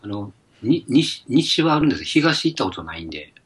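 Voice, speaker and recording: A man's voice: mid-range voice, big pitch swings, a little fast, fairly bright tone, breathy edge. A man co-hosting a casual talk show, easygoing and nudging the conversation along. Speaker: co-host. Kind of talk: casual chat.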